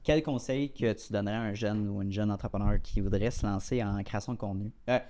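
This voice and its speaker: A podcast host with an extremely low voice. She chats casually and keeps up quick, short interjections. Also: warm tone.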